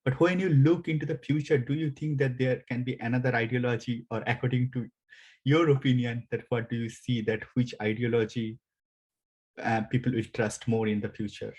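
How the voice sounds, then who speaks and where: A man's voice: medium pitch, fairly even intonation, moderate pace, darkish tone, breathy edge. A man asking an interview question, earnest and searching, restarting his phrasing as he goes.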